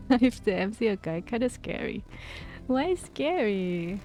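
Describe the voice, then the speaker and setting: A woman streamer reads a romance game's narration aloud, then chats casually with viewers between passages, thinking aloud with fillers. Her voice is on the high side and dark in tone, very animated but slow, over soft background music.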